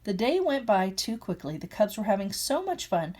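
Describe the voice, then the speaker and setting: An older woman reads a storybook aloud with an animated, rising-and-falling delivery and a mellow, warm tone. She drops in chatty little asides between the pages. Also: medium pitch, moderate pace. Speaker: grandmother reading aloud.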